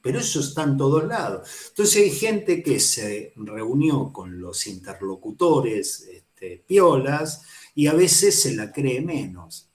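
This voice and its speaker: A man's voice: medium pitch, sing-song, slow pace, reverberant. A man with an Argentine accent giving a casual, digressive university lecture on psychoanalysis, often checking in with "¿sí?". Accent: Argentine Spanish. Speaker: psychoanalysis teacher.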